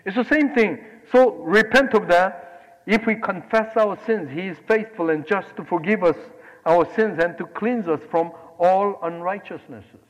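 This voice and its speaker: A man from Korea preaching a sermon, animated, swinging between loud exclamations and quiet asides. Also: sits high, a little slow, big-room sound, muffled recording. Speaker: pastor.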